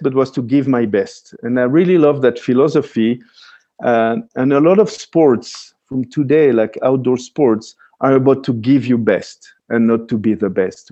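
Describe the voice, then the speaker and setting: A French-speaking Swiss man, a freeride skier, appears as a guest in a casual interview. He talks hesitantly, restarting sentences and using lots of fillers. His voice is medium-pitched and dark, and the recording is lo-fi.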